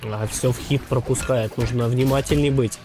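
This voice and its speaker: A man's voice: mid-range voice, steady tone, moderate pace. Man calling fighting game matches over music. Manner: clipped play-by-play calls with gaming jargon, like a fighting game announcer. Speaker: esports tournament commentator.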